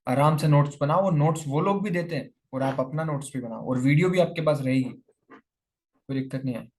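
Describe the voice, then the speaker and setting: Answering viewer questions in an informal chat, a young man speaks into a lavalier mic in a somewhat high, slightly mellow voice at a brisk clip. This YouTuber keeps addressing his audience as "bhai," "yaar," "brother" and "buddy."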